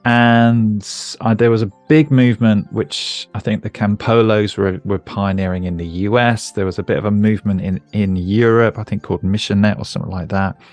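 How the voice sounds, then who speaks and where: A man's voice: fairly low pitch, steady tone, moderate pace, hardly any pauses, darkish tone, soft background music. A man hosting a podcast interview, talking in a rambling, jokey, self-deprecating way. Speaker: podcast host. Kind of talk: casual conversational interview.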